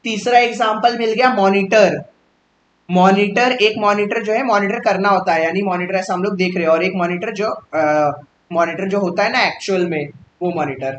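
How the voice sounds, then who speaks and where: A man teaching an English grammar class live online, talking casually, repeating key terms slowly and reading out questions from the chat. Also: fairly bright tone, lo-fi sound. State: sleepy. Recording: echoey room, faint rumble.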